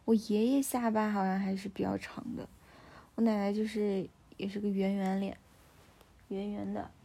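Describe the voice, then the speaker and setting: A woman's voice: medium pitch, little pitch movement, normal speed, creaky, dark tone. A woman, telling family stories in a casual chat and often asking the listener if they follow. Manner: chatty, often asks the listener "you know?".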